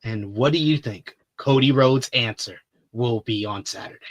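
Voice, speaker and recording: Stretching out his words and adding theatrical, animated emphasis, a mid-range-voiced man comments as host of a talk show previewing wrestling.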